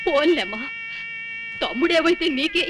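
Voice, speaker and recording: A frail elderly mother, hard of hearing and quick to complain in a high, fretful voice. She scolds and then turns sentimental, in a film comedy scene. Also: expressive, music in the background. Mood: tearful pleading. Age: older. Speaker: girlfriend's mother.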